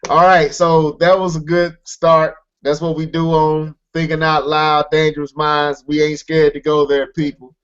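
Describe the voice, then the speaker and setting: Male podcast co-host, earnest rambling delivery, slightly high pitch, dull lo-fi audio. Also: flat delivery, a little slow, few pauses, a bit bright, clean tone. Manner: earnest, emphatic, rambling with restarts. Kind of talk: casual chat.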